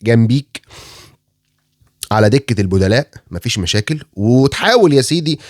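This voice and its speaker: With a cold making him hoarse, an Egyptian Arabic-accented football commentator offers a casual, critical take on football, restarting often and using many filler sounds. His mid-range, darkish voice has lively intonation at a normal speed, recorded with studio quality and no echo.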